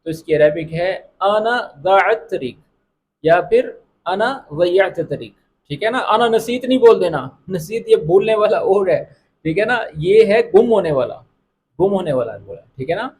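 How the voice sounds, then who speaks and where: A man teaching a language lesson, repeating each phrase slowly before explaining it. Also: sits high, expressive, a little mellow, husky. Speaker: Arabic teacher.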